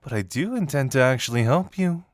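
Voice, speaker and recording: Man acting Dazai, a teasing, lively flirt. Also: medium pitch, no room sound, studio quality, lightly acted. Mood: coy, confiding. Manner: teasing, theatrical, drawn-out words. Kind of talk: intimate roleplay audio acting.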